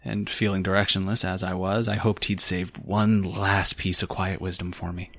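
A man's voice: sits low, flat delivery, normal speed, a bit bright, no echo. A man playing a world-weary, sarcastic private detective in a noir audio drama, hardboiled, wry and stubborn. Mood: brooding, wry.

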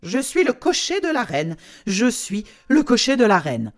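A woman voicing a plump, frantic male coachman from a storybook, shouting and repeating himself. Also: on the high side, very animated, a little slow, soft background music, pitched above the performer's own voice. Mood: insistent.

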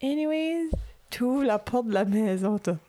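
Animated Quebec French woman storyteller. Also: a little high, unhurried. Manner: animated, mixes English words into French. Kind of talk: casual chat.

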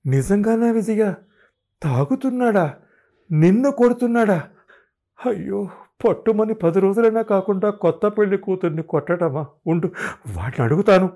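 A man voicing an affectionate, protective older mother-in-law in an audiobook reading, coaxing and quick to worry. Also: mid-range voice, expressive, warm tone, close to an everyday voice. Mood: alarmed. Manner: coaxing, worried, quickly indignant.

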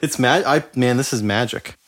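A man's voice: medium pitch, moderate pace, fairly bright tone, no echo, clean studio sound. A man co-hosting a casual podcast, easygoing and agreeable, laughing often. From Canada. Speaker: podcast co-host.

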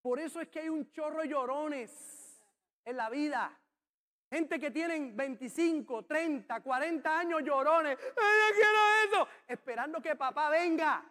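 A man preaching a sermon, emphatic and sometimes shouting key phrases. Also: very high voice, normal speed. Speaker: pastor.

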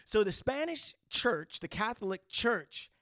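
A man with a fairly high-pitched voice, recorded close and dry. He explains things in loose, opinionated conversation, pressing his points emphatically in slangy everyday words. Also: sing-song, measured pace, pushed and bright, dry recording. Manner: emphatic storytelling with casual swearing and checking "right?". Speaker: podcast co-host explaining history. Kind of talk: casual opinionated explanatory chat.

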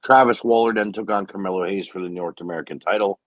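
Man, very low voice, dry muffled sound, opinionated rambling recap talk. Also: quick pace, dry recording. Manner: opinionated, rambling with many fillers. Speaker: wrestling show reviewer. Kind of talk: casual solo recap commentary.

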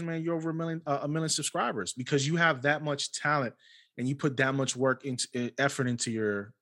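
A man's voice: on the high side, fairly bright tone. A man hosting a podcast, giving a guest encouraging advice in casual conversation. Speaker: podcast host. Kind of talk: casual interview chat.

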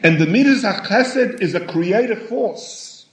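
A man giving a sermon in a halting way, often repeating words and rising in pitch for emphasis. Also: expressive. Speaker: rabbi. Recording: echoey room, dull lo-fi sound.

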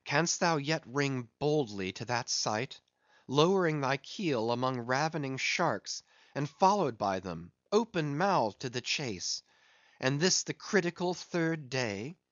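A man voicing a grave, fearful first mate who murmurs low and breaks into urgent, high cries, on dull, dry audio. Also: expressive, slow pace, fairly bright tone, no echo. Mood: dread.

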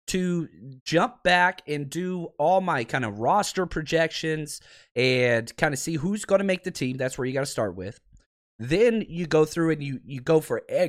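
A man hosts a sports podcast in a hoarse, raspy voice, a little higher than most men's. His pitch moves around a lot as he chats and rambles casually to his listeners. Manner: animated, rambling, conversational. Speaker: podcast host.

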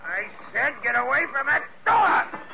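An actor playing a gruff, stubborn, drunken old sea captain in a creaky voice, in 1940s radio style. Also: male voice, very high-pitched, very animated, unhurried, heavily acted. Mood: defiant, desperate. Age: older. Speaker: ship captain. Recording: muffled old radio recording, faint noise.

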